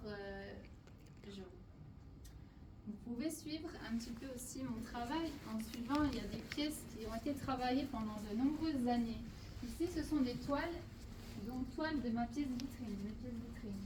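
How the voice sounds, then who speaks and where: Guiding a tour of her own show in an exhibition hall, a woman painter from Portugal talks about her works haltingly, full of fillers and restarts. Her voice is slightly high, there's background noise, and she sounds distant from the microphone in the roomy space.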